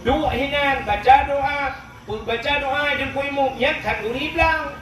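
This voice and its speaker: A man's voice: very high voice, a little slow, fairly bright tone. A man preaching a religious sermon in an Acehnese accent, emphatic, calling out to the gathering and reciting Arabic prayers. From Aceh, Indonesia. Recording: very echoey, far from the mic, faint noise.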